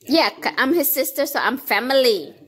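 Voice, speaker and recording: A woman's voice: sits high, animated, moderate pace, a bit bright, breathy edge. A tipsy woman co-hosting a casual cooking chat, giggly and playful with her interjections. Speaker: co-host of a cooking video. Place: home kitchen. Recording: busy chatter in the background.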